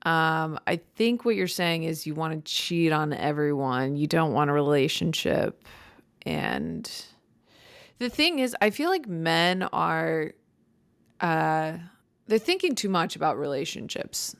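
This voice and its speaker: A young woman from Chicago hosting her own podcast in casual, blunt, joking chat, with vocal fry and a dry voice. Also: deep voice, big pitch swings, slow pace, dry recording. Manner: blunt, joking, swears freely. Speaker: podcast host.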